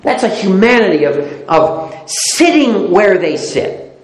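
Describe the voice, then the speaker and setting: Preacher going big then quiet in a sermon, roomy echo on it. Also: takes it slowly. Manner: animated, swinging between loud emphasis and soft low asides; reads scripture aloud, repeats phrases for emphasis. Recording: echoey room.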